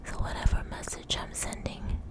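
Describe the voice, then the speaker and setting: A woman whispering very close to the mic in an ASMR style, breathy with soft mouth sounds, rambling gently and reassuringly. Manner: slow, unstructured, reassuring. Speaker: ASMR video host.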